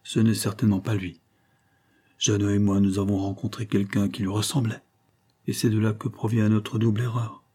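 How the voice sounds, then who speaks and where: A man voicing a gentle, melancholy young mother in an audiobook, speaking softly and modestly. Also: lowish voice, little pitch movement, normal speed, slightly rough. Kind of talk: audiobook character voice.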